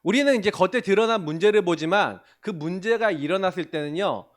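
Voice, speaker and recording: Male pastor giving a youth sermon, pitched high and very animated, answers his own questions. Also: a little fast. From South Korea. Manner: animated, asks the congregation questions and answers them himself.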